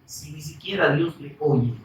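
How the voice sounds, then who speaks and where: A preacher delivering a fervent sermon, firing rhetorical questions and breaking into shouts for emphasis. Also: mid-range voice, a little slow, far from the mic, slight background noise. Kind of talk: Spanish-language sermon. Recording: roomy, from off-mic.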